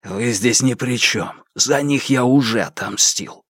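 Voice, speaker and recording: A grim bandit chief and father speaks in a slow, measured, deliberate way , as a male reader plays him close to his own voice. His tone stays low and even. The recording is dry and close. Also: breathy edge, no echo. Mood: stern. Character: stern bandit leader and father, grim and resolute.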